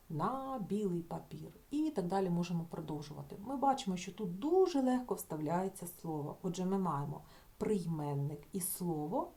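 A woman teacher explaining a grammar lesson, patient and slowing down to sound out each example word. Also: on the low side, mellow.

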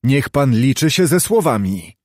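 A man's voice: medium pitch, very animated, unhurried, a little mellow, dry recording, studio quality, voice pushed up. A man voicing stern lawyer, raised and pressing.

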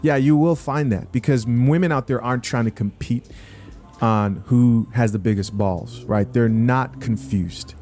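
A man's voice: medium pitch, measured pace, mellow, faint music behind. A man in his thirties, born in Zambia, giving blunt, opinionated commentary to his viewers on a close studio mic. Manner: blunt, emphatic, addresses viewers directly. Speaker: podcast host. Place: small home studio room, indoors. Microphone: close studio mic, wearing headphones.

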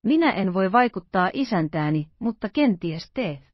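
A woman voicing a loyal, anxious young French manservant in an audiobook, speaking slowly and earnestly. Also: mid-range voice, sing-song, no echo, dull audio. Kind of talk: audiobook character voice.

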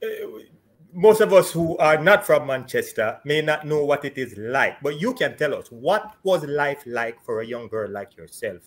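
A middle-aged man with a slightly high voice and lively intonation hosts a live interview over a video call from home. He's cheerful and speaks in quick bursts, laughing often between questions. He's picked up by a webcam in a room lined with shelves.

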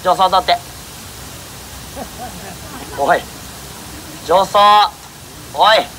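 A man with a high, bright voice works a live outdoor street show, bossing and teasing a trained monkey one moment and speaking courteously to the crowd the next. Festival ambience hums loudly around him. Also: extremely slow, slight background noise, low-quality recording. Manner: jokingly scolds and coaxes a monkey, then politely addresses the audience.

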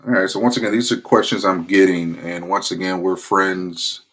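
Speaking at a normal speed in a low-pitched voice, a man promotes his own political commentary channel in a casual vlog. His talk is loose, relaxed and rambling, packed with fillers and restarts.

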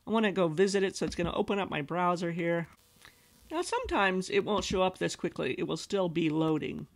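Gravelly-voiced woman narrating a tutorial. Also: on the low side, brisk. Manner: patient step-by-step explaining. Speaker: instructional designer. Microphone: voice-over recorded over screen capture.

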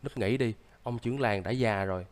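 A man's voice: lowish voice, brisk, natural voice. A man voicing a sick young man who acts as a stern, lecturing big brother, coughing now and then, in casual game role-play.

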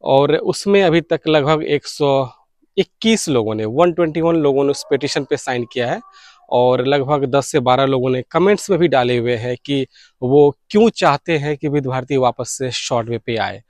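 This thirty-something man has a medium pitch and darkish tone, speaking at a moderate pace. He's a radio hobbyist vlogging casually to camera, explaining things earnestly and mixing in English words, on an outdoor balcony or rooftop by fields. His lapel mic yields sound with no echo.

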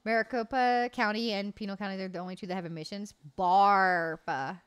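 With a smooth, mid-range voice, fairly even intonation, and a moderate pace, a late-20s woman streams from home indoors, casually chatting with her viewers and swearing freely in a relaxed, cheerful way. She's on a desk mic on an arm plus a headset.

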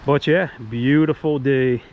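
A man's voice: medium pitch, fairly even intonation, a little slow, phone-quality sound. Upbeat man vlogging on a noisy beach. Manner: upbeat, enthusiastic, talks to the camera. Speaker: fishing vlogger. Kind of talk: casual outdoor vlog narration. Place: sandy beach outdoors by the surf. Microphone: action camera, head-mounted. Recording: action camera outdoors with clear surf noise.

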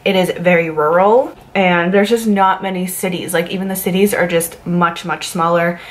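A young woman from Massachusetts hosts her own true crime video. Her voice sits a little low for a woman. She tells the story in a loose, chatty way, drifting off topic and filling gaps with likes and you knows. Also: steady tone, moderate pace. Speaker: YouTube true crime host.

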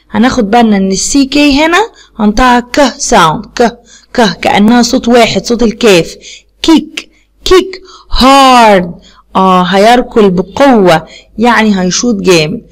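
In a recorded video lesson, a woman with an Egyptian Arabic accent teaches young children English words, saying each one twice and quizzing them with simple questions. Her voice is a little high.

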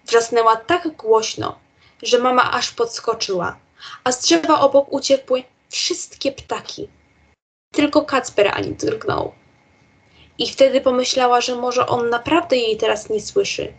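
A woman narrating a children's storybook, reading aloud slowly and carefully. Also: a little high, slightly rough. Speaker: reader.

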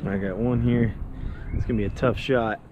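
A man's voice: medium pitch, steady tone, moderate pace, phone-quality sound. Young American man, noisy outdoor recording. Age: young adult. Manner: laid-back, slangy, profane. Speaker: fishing vlogger. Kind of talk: casual outdoor vlog narration. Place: outdoors at a river and bridge. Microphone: handheld action camera at arm's length. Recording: clearly noisy outdoor action-camera audio.

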